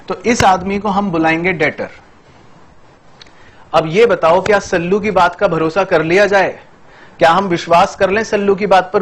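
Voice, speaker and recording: एक पुरुष अकाउंट्स शिक्षक छात्रों को पढ़ा रहा है, छोटे-छोटे किस्सों और संवादों से उदाहरण देकर समझाता है।. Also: male voice, high-pitched. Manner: playful storytelling, acts out little dialogues for students. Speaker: accounts teacher. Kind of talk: classroom lecture with story examples.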